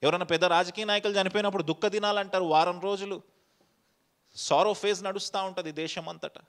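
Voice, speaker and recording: A male pastor preaching to his congregation in a fairly high voice, stacking rhetorical questions one after another. He slips English phrases into the sermon and leads the room through scripture readings. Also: steady tone, fairly quick, a bit bright.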